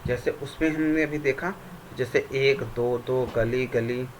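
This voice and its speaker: A man teaching a Hindi grammar lesson for exam prep. He repeats example sentences slowly and asks and answers his own questions. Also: medium pitch, fairly even intonation, slight background noise, poor audio.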